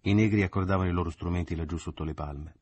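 Deep husky male audiobook narrator. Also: fairly even intonation, fast talker, a little mellow, dry recording, muffled recording. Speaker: audiobook reader. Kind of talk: literary narration.

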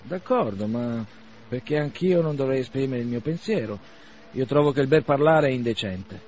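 A man's voice: medium pitch, expressive, normal speed, a little hiss or hum, pitched above the performer's own voice, close to an everyday voice. A man playing a scornful young radical. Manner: sarcastic, forceful. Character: blunt scornful young man, mocking and combative. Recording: slightly dull radio recording.

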